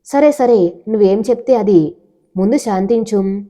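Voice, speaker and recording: A woman's voice: medium pitch, unhurried, mellow, natural voice. A woman voicing a proud young male corporate CEO in a storybook, commanding and curt. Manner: commanding, demanding.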